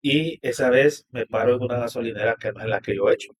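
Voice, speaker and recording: Man, husky, animated storyteller, podcast guest. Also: mid-range voice, fast talker. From Honduras. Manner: animated storyteller quoting dialogue. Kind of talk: storytelling interview.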